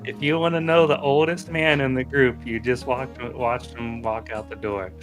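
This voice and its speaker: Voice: mid-range voice, steady tone, normal speed, soft background music. A tabletop game player making joking asides between laughs. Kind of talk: casual table play.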